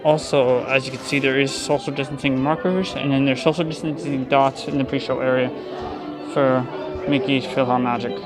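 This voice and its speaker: A man's voice: mid-range voice, little pitch movement, moderate pace. A man narrating a casual walk-around theme park vlog. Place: theme park, rides and queues. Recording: music playing clearly in background.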